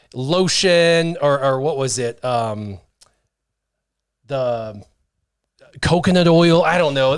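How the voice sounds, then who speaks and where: Using a studio mic and headphones in his small home studio, a thirty-something host with a slightly high voice runs a laid-back livestream. He reads chat comments out loud and jokes at his own expense, with no echo in the audio.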